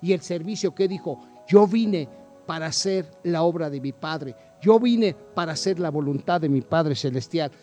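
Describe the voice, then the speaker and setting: A man's voice: fairly high pitch, moderate pace, warm tone, soft background music. A man preaching a sermon, reading Bible passages aloud and putting direct questions to the listener. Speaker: pastor.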